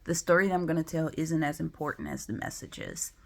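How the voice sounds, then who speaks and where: A vlogger who has just woken up talks casually to camera at home, rambling with lots of ums in a congested, sniffly voice. Her voice is low and gravelly, with huge pitch swings. She talks fast.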